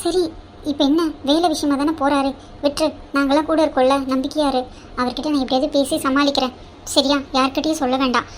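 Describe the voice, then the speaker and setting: A woman voicing a bossy elder sister-in-law in a cartoon drama, brisk and teasing, with a scheming side. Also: sits high, fairly even intonation, slight background noise, natural voice.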